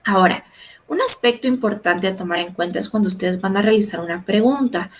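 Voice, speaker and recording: A woman teaching an English class, explaining step by step, often checking in with her students and slowing down to pronounce English phrases. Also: medium pitch. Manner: explanatory, frequent checks like "¿verdad?" and "¿sí?". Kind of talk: online class lecture.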